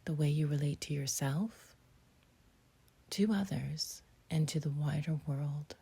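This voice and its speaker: A woman leads a meditation in a near-whisper that is very husky and breathy. Her voice is mellow, somewhat low, and creaky, and she speaks in short, gentle phrases with long pauses.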